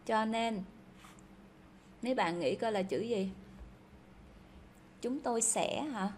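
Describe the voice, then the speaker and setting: A woman's voice: fairly high pitch, takes it slowly, darkish tone, slight background noise. A woman whose first language is Vietnamese, with a Vietnamese accent, teaching English in a chatty, explanatory way and repeating each word aloud for her students. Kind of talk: casual explanatory lesson.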